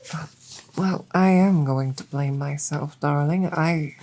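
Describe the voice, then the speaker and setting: A low-pitched woman voices a dragon girlfriend in a roleplay audio drama, with a little hiss or hum audible. The character is apologetic and blames herself, sounding guilty as she speaks softly, tenderly and haltingly.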